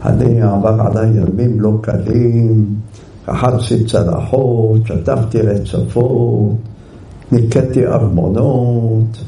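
A man voicing a calm, good-natured husband who reads a letter aloud slowly and gently. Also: lowish voice, close to an everyday voice. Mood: gentle. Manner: slow, measured, warm. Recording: roomy, distant, faint background hiss.

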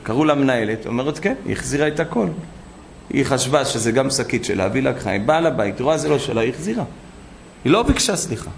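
A man preaching a sermon full of stories, animated and acting out the voices of the people in them. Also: medium pitch, vocal fry, a little hiss or hum. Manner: animated, acts out quoted voices. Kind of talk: sermon with storytelling.

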